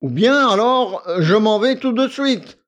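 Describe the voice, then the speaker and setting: Bored disdainful young servant guy, a man doing the voice, nasal drawl, pitched up and loud, storybook reading. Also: lively intonation, slow pace. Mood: bored, condescending. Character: arrogant lazy young male valet, disdainful.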